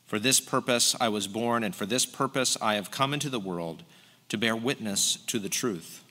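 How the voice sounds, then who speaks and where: A man reading the part of a calm, solemn prisoner who answers quietly. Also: lowish voice, moderate pace. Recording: long hall reverb.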